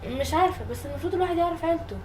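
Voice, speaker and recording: A woman's voice: extremely high pitch, racing, darkish tone, faint music behind. An anxious, stubborn teenage girl. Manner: hesitant, questioning.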